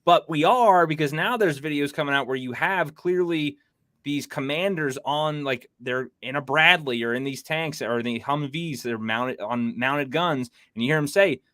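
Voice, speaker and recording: A man's voice: on the high side, moderate pace, a bit bright, no room sound, clean studio sound. A man hosting a casual podcast livestream, rambling through news and reading chat comments aloud. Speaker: podcast host.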